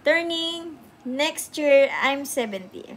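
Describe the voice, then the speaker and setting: Her high voice is animated yet slow, with a little hiss or hum on the line. This sixties-aged livestream host sits in a sofa room, phone camera at arm's length, sleepily answering comments, switching between languages, and repeatedly thanking viewers in a chatty way.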